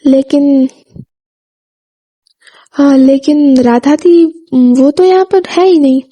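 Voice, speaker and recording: A woman's voice: high voice, slow pace, warm tone. A woman voicing a friendly, affectionate young woman who speaks politely, read in a storybook.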